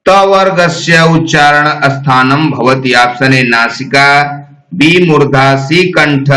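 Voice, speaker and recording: A man reading exam quiz questions and their answer options in a slow, deliberate recitation. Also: mid-range voice, bright, forceful tone, roomy sound, poor audio. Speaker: exam prep teacher.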